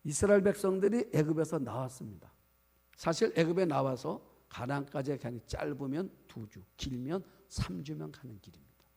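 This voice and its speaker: A man's voice: fairly high pitch, animated, moderate pace, vocal fry, a little mellow. A male pastor preaching a sermon to his congregation, asking them questions as he goes. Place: church sanctuary. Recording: long church hall reverb.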